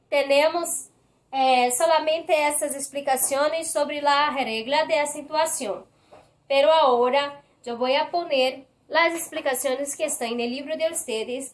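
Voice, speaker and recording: A woman teaching an online Spanish grammar lesson, reading slowly and often checking in with her students by asking "right?". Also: high-pitched. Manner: slow, careful, often checks in with a questioning "right?".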